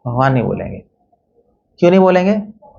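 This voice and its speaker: A man's voice: sits high, very animated, fairly quick, vocal fry, darkish tone. A man giving a conversational devotional talk, mixing in English phrases and putting questions to his listeners. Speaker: temple speaker. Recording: dull lo-fi recording.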